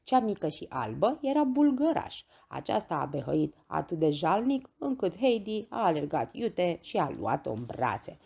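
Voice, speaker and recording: A woman reading a bedtime story aloud in a gentle, expressive way. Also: on the low side, vocal fry, hardly any pauses, slightly rough.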